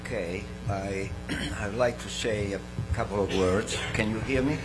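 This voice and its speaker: A man from Italy with an Italian accent, speaking from the floor at a seminar in a slow, halting way and clearing his throat often. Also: on the low side, over loud music, rough recording. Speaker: audience member.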